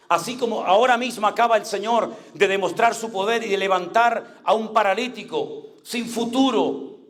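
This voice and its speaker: A male pastor with a Canary Islands Spanish accent, preaching a sermon with dramatic swings between loud cries and hushed low tones. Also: echoey room.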